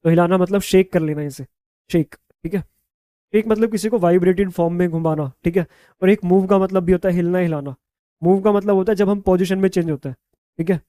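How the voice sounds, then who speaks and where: High-voiced Indian man teaching English. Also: warm tone, smooth, dry recording. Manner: repeats "ठीक है?" after nearly every point; spells words letter by letter, slows for example sentences. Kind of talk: bilingual classroom lesson.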